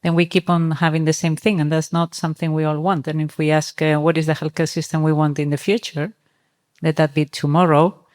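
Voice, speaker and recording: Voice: mid-range voice, little pitch movement, a little fast, a little mellow. An earnest, discursive speaker on a discussion panel, talking at length. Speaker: panelist, startup and impact advocate.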